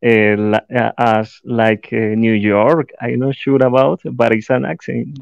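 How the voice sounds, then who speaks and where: Hesitant male student, smooth dull-sounding voice. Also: medium pitch, flat delivery, slow pace, no echo. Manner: hesitant, restarts questions.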